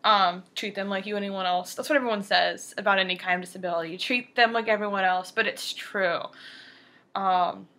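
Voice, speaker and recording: Talking openly and earnestly to camera at a moderate pace, a 22-year-old female vlogger has a bright, forceful, mid-range voice with fairly even intonation. She occasionally stutters, repeating or breaking off words, and fills gaps with fillers and short laughs.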